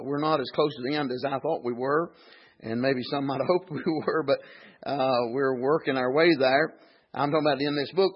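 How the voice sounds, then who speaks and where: A man's voice: medium pitch, breathy edge, muffled recording. A man preaching a sermon in an old-time cadence, dropping frequent amens. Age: 40s. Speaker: pastor.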